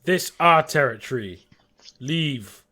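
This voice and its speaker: A man's voice: on the high side, animated, slow pace, pushed and bright, exaggerated voice. A man voicing a blunt alien warrior. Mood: threatening. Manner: blunt, clipped broken phrasing.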